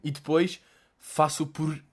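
A man's voice: a little high, level tone, slow. A young man with a Portuguese accent giving sarcastic commentary, mocking and profane, with laughing asides. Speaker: vlogger.

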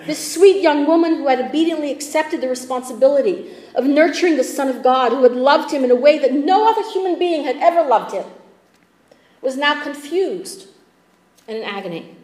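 A woman preaching a sermon, shifting between dramatic swells and quiet, chatty asides to her listeners. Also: high voice, expressive, brisk, echoey room, poor audio. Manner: dramatic swings in volume with conversational asides.

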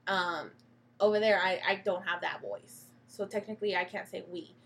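Bright, husky young woman. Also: fairly low pitch, normal speed. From United States. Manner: reflective, many "like" fillers. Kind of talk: casual chat.

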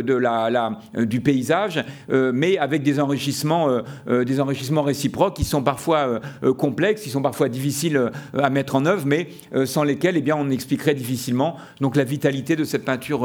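A man moderating an academic session with improvised remarks, halting and hesitant, often repeating words as he searches for the next phrase. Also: mid-range voice, darkish tone. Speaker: session moderator and exhibition curator.

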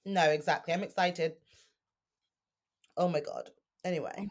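A woman's voice: on the low side, steady tone, slow pace. A woman co-hosting a casual podcast chat, sounding ill and congested with a stuffy nose. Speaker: podcast co-host.

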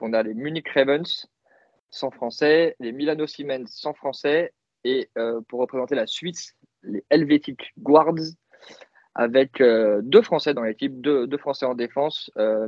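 A man's voice: mid-range voice, measured pace, darkish tone, dry recording, dull audio. A man co-hosting a casual sports podcast, talking with many fillers and restarts. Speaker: podcast co-host.

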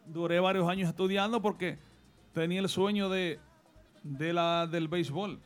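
A man's voice: high voice, steady tone, normal speed, smooth, faint music behind. A man from the Dominican Republic with a Dominican accent, telling his life story earnestly as a radio studio guest and offering advice. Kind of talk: personal storytelling in a radio interview.

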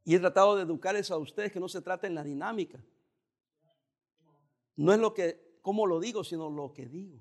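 A male pastor preaching a sermon in a calm, conversational way, with occasional emphatic rises. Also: sits high, a little fast, pauses often.

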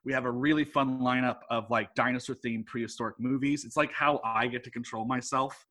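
This Texan in his twenties, host of his own film podcast, guests on a podcast and talks eagerly and loosely, leaning heavily on "like" and "uh." His mid-range voice is bright and forceful, with fairly even intonation and a slightly fast pace.

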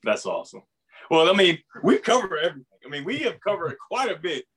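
Informal male host, somewhat high voice. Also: very animated, quick pace, fairly bright tone, slightly rough. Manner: informal, affirming, repeats himself for emphasis. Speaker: podcast host. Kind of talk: casual sports interview chat.

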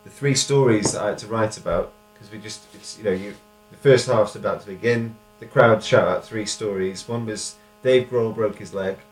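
A man's voice: on the low side, normal speed, hardly any pauses, reverberant, a little hiss or hum. A man co-hosting a podcast, chatting casually, laughing often and reading his own rhymed poem aloud. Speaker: podcast co-host and poet. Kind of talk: casual chat and poetry reading.

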